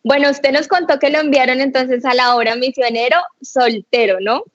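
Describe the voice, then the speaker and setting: A woman's voice: high-pitched, steady tone, moderate pace, dry recording, dull audio. A woman hosting an interview, giving affirming replies and moving the talk along. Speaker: interviewer, host.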